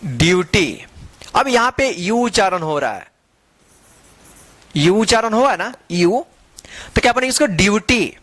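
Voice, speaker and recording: A man teaching English reading as a class lesson, spelling out letters slowly and patiently asking the class to repeat each word. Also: high-pitched, lively intonation, a bit bright, dry recording. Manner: patient, drills words and asks the class to repeat.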